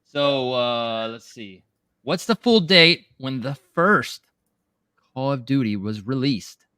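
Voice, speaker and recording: Bright-voiced male stream host. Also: medium pitch, lively intonation, slow pace, clear, resonant tone, no echo, clean studio sound. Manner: stop-start, keeps asking "okay?". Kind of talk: live stream giveaway hosting.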